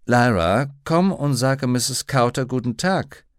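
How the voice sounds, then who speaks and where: A man's voice: medium pitch, animated, slow pace, smooth, no room sound. A male audiobook reader voicing a courteous, formal college head in a dry, close recording. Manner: genteel, courteous host. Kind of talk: audiobook reading.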